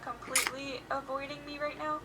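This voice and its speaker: A woman's voice: sits high, little pitch movement, fairly quick, very noisy, natural voice. An actress playing an awkward, apologetic young woman leaving a hesitant message. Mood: sheepish. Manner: hesitant, self-correcting. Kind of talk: web series acting, voicemail. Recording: clip with crowd chatter behind.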